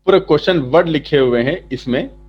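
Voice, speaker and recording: A man teaching from a chart, slowly explaining each word and asking then answering his own questions. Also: a little high, breathy edge. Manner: slow, repetitive explaining, asks then answers. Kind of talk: lesson explaining a vocabulary chart. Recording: dull lo-fi sound.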